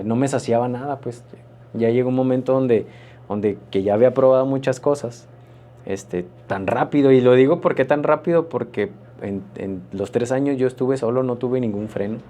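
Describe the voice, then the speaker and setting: A pastor, telling his personal testimony in an interview in an earnest, reflective, halting way. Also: mid-range voice, dark tone.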